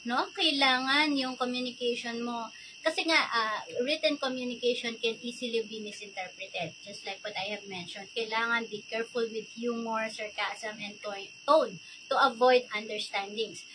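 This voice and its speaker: A woman's voice: a little high, normal speed, background noise. A middle-aged Filipino woman with a Filipino accent, chatty and explaining things in a casual tutorial vlog, often checking in with "no?". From Philippines. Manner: chatty, mixing English and Tagalog, frequent "no?" tag questions. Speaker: virtual assistant coach.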